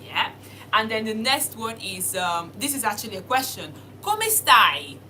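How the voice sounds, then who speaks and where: A young woman from Italy teaching a casual video lesson, speaking slowly and deliberately and spelling out words. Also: a little high, expressive, bright, forceful tone, a little hiss or hum. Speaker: language teacher.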